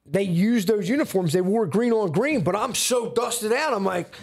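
Guy rambling through a story, kinda high voice, lots of gravel, swears a ton, says like every other word. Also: lively intonation, moderate pace, darkish tone. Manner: rambling storyteller, heavy swearing and many fillers. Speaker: podcast guest telling a story. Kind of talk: casual chat.

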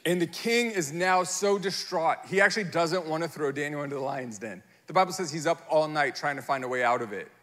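A man preaching a sermon, retelling a Bible story with animated energy and slipping into the voices of its people. His voice sits fairly high for a man. It carries the long reverb of a large hall. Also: a little fast, hardly any pauses. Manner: animated storytelling, acting out Bible figures in quotes. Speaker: pastor.

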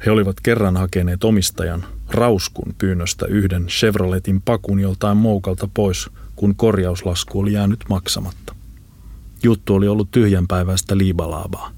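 A man reading an audiobook in a steady, measured narration. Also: sits low, gravelly, husky. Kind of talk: scripted narration.

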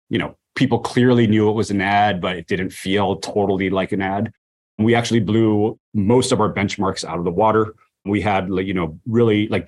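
With a lowish voice and a breathy edge, this man, a brand marketer being interviewed, talks about his work in a casual, conversational way, frequently dropping "you know" and "like."

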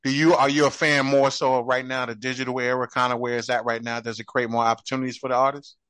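A man's voice: medium pitch, level tone, fairly bright tone, clean tone, dry recording. A male podcast host, chatting in a friendly, slangy way. His voice is recorded dry and close, with no room sound. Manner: friendly, slangy, quick affirmations. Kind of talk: casual interview.

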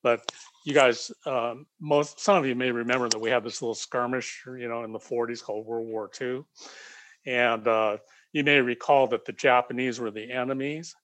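A man from the United States, a guest on a podcast, speaking in a calm, measured and reflective way. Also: medium pitch, no echo. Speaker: guest, leadership coach. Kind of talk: casual interview chat.

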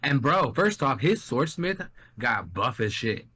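A man's voice: mid-range voice, sing-song, a little slow, bright, forceful tone, husky. A young man talking casually about anime as a co-host, enthusiastic and slangy in a swearing frat-bro way. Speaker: podcast co-host. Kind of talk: casual anime discussion chat.

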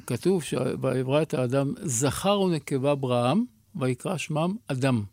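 Male rabbi guest, measured teacher's delivery, dry close studio voice. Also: mid-range voice, a little mellow, no echo. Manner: measured, teacherly, asks rhetorical questions. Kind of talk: explaining Kabbalah teachings.

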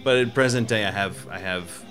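With music underneath, a man born in Mexico speaks at an ordinary pace and a fairly low pitch. As a guest in a casual conversation about food and cooking, he rambles, restarting often and using many fillers.

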